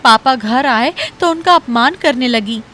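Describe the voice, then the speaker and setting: A high-voiced young cartoon daughter-in-law. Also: female voice, unhurried, bright, forceful tone, a little hiss or hum. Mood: upset. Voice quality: earnest, firm. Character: young daughter-in-law, proud and loyal to her father. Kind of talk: cartoon voice acting.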